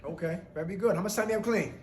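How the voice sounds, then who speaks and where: A man's voice: sits high, racing, darkish tone, slight background noise. A man facilitating a recovery group discussion, prodding members to speak and repeating their answers back. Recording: roomy distant room recording with crowd.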